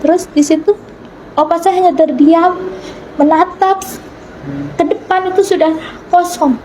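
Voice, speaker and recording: High-pitched woman telling an earnest testimony. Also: fairly even intonation, warm tone, slight background noise, low-quality recording. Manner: earnest storytelling, acting out her own dialogue, with halting restarts. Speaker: interview guest giving a conversion testimony. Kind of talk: personal testimony in conversation.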